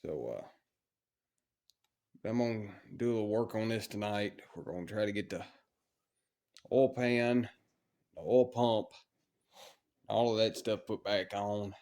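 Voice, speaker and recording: A man with a cold-stuffed voice talks plainly and casually as he works on restoring an old engine. His pitch is fairly low and a little mellow. He's in a cold workshop heated by a stove.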